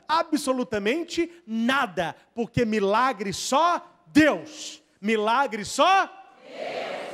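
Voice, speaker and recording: Brazilian male priest, high voice, animated sermon with quiet asides. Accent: Brazilian Portuguese. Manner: animated storytelling, swings from loud to soft; chatty asides to the crew and audience.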